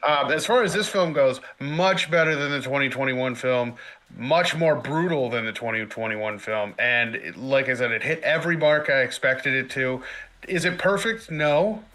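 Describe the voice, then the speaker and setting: A man's voice: medium pitch, moderate pace, sharp tone. A man guesting on a casual live-stream chat, laid-back and chuckling between points.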